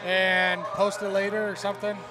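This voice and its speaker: A man's voice: high-pitched, little pitch movement, moderate pace, over a noisy crowd. A man in his late forties co-announcing a dirt race outdoors, chatting with self-mocking humor. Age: 40s. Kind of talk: casual commentary. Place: outdoors at a racetrack. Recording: loud music playing behind. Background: loud music.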